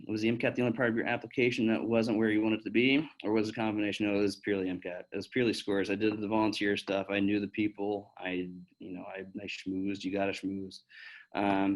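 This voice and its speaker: Candid lower-voiced man in his thirties. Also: poor audio. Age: 30s. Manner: candid and chatty, with many fillers and restarts. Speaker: physician speaking to pre-med students. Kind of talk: casual Q&A talk.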